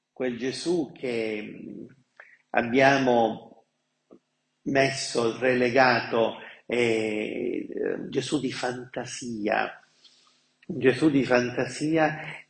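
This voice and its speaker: Male priest, animated sermon voice, slow delivery, reverberant hall sound. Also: mid-range voice. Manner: animated and conversational, acting out voices.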